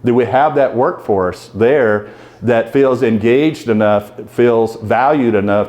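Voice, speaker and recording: A man's voice: medium pitch, a little mellow. A man giving a conversational leadership talk to a club audience, asking them questions as he goes. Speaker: guest speaker at a club meeting.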